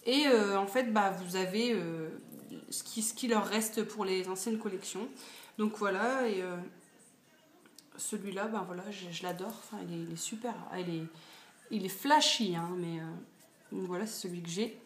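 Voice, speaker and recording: A woman's voice: medium pitch, normal speed. A woman in her twenties chatting casually about her purchases in a beauty haul video, with lots of fillers. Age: 20s. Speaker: beauty vlogger. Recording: echoey room, faint noise.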